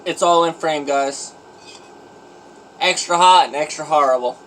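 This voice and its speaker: A man's voice: fairly high pitch, measured pace, fairly bright tone, slight background noise, rough recording. Groaning man on a food-challenge vlog. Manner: groaning, self-pitying and exaggerated. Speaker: vlogger. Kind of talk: casual eating challenge vlog.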